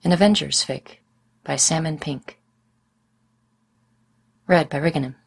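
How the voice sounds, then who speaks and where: A woman reading a fan fiction story aloud in steady, unhurried narration. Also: sits low, creaky, husky.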